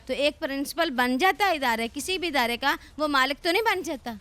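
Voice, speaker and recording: A woman's voice: sits high, expressive, sharp tone, soft background music. A middle-aged woman who runs a religious school, explaining her grievances at length in a news interview. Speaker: madrasa head.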